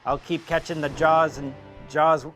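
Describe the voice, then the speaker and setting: An actor playing a gruff shark hunter, reading his lines flatly in his own plain voice and stumbling over them. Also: a little high, over music, natural voice. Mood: halting. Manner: flat, halting line reading in his plain voice. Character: gruff middle-aged male shark hunter, flat and halting. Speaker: performer doing a movie scene reenactment.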